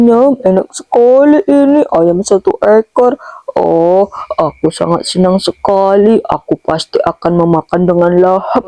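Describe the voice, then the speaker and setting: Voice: mid-range voice, warm tone, no room sound, rough recording. A performer voicing a happy, greedy eater in a game roleplay, munching noisily and savouring the food. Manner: slow, savouring, munching sounds.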